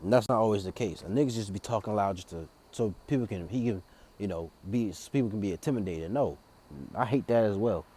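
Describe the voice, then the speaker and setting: A man with a low, mellow voice reads Bible verses in a slow, solemn cadence. Between passages he slips into loose, drawling commentary, stumbling over and repeating words as he talks. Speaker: street preacher. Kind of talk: Bible reading with casual commentary.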